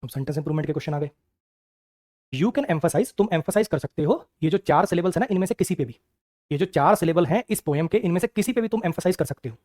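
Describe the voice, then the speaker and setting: A man's voice: fairly high pitch, lively intonation, fast talker, a little mellow. A man teaching an exam-prep English grammar lecture, firing rhetorical questions at his students.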